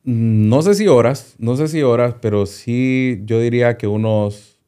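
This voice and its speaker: A man's voice: mid-range voice, measured pace, dark tone, clear, resonant tone. A man, a doctor, telling a personal story in an interview, hesitating and often repeating small words as he goes.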